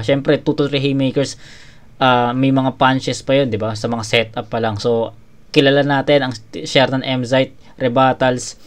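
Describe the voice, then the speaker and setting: A man reviewing a rap battle in a casual commentary, swearing freely and often restarting his sentences. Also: mid-range voice. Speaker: battle judge reviewing a match.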